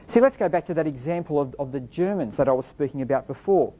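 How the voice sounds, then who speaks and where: Female preacher, lowish voice, earnest and explanatory, dull lo-fi recording. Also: animated, quick pace, warm tone, slightly rough. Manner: earnest, explanatory, rhetorical questions. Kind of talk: sermon.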